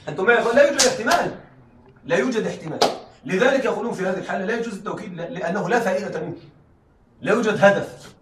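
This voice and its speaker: High, fast-talking male teacher lecturing. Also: lively intonation, background noise. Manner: checks in with the class, frequent laughing asides. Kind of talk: classroom lecture on rhetoric. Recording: echoey room, mic at a distance.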